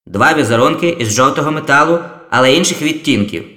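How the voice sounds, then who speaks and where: A man's voice: medium pitch, expressive, fairly quick, sharp tone, roomy sound, pitched above the performer's own voice. A man doing a jittery, servile doctor. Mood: dutiful. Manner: dutiful, eager to please. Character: nervous obedient male court doctor.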